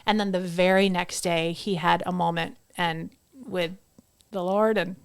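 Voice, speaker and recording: A middle-aged woman talks as a podcast guest in a smooth, resonant voice. She is chatty and upbeat and acts out the quotes in her stories. The sound is dry and close. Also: on the low side, fairly even intonation, measured pace, dry recording. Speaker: podcast guest, headshot photographer. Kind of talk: casual podcast conversation.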